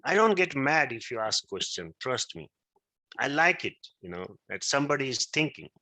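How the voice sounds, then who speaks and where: A male teacher whose first language is Maithili gives an interactive class lecture, repeatedly checking his students understand and asking if he is right. His medium-pitched voice is very animated and sharp at a moderate pace.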